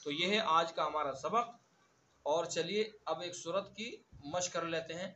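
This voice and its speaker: Bright high-voiced man teaching recitation. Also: reverberant, slight background noise. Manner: slow drawn-out recitation of verses between quick explanations; repeats words over and over to drill pronunciation. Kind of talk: online tajweed lesson.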